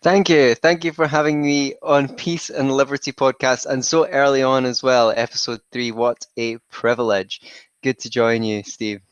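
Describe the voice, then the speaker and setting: A man's voice: mid-range voice, fairly even intonation, normal speed, smooth, no room sound. Scottish guy on a podcast, wry and rambly, kinda muffled dry mic. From Scotland. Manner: wry, digressive, self-correcting. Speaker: podcast guest. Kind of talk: casual interview chat.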